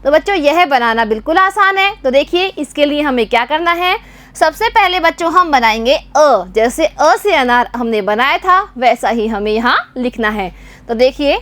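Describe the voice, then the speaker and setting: High-voiced patient woman teacher. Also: pushed and bright. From Rajasthan, India. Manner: patient, repeats and quizzes the children. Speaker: primary school teacher. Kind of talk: slow, clear Hindi writing lesson for young children.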